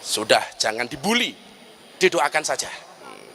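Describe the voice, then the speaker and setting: A man's voice: medium pitch, wildly swooping pitch, unhurried, creaky, bright, forceful tone, slight background noise. A middle-aged man preaching a humorous sermon, full of joking asides. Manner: joking asides, then chanting and singing verses.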